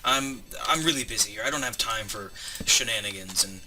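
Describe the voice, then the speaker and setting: A man's voice: lowish voice, a little fast, natural voice, rough recording. A man playing a busy, impatient male talent agent who speaks brusquely and grows exasperated, in a joke told over gameplay.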